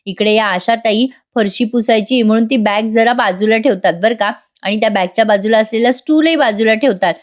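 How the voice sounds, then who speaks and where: A woman's voice: fairly high pitch, a little fast, few pauses. A woman narrating a chatty voice-over recap of a TV serial, reading out the characters' lines and talking directly to her viewers.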